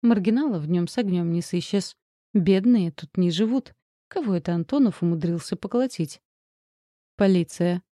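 A woman reading an audiobook in an even, wry storytelling manner. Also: fairly low pitch, normal speed, dry recording, clean studio sound. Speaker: audiobook narrator. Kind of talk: scripted narration.

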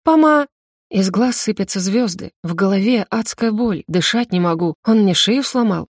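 A woman narrating an audiobook in the first person, in a mid-range voice. The delivery keeps a steady tension. The recording is dry with no room sound. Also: mid-range voice, moderate pace, husky, no echo. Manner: tense first-person storytelling.

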